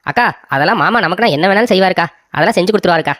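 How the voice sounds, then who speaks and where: A voice actor playing a greedy young brother-in-law in an animated story, wheedling and demanding a bike. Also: medium pitch, very fast, no echo, studio quality, close to an everyday voice.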